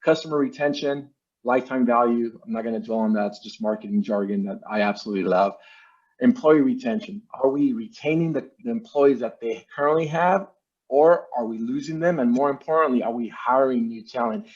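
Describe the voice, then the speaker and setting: A man's voice: mid-range voice, brisk, a little mellow. A man giving an informal, salesy slide presentation in an online meeting, speaking in casual business jargon. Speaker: presenter, marketing agency owner. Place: virtual meeting. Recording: dull lo-fi online meeting audio.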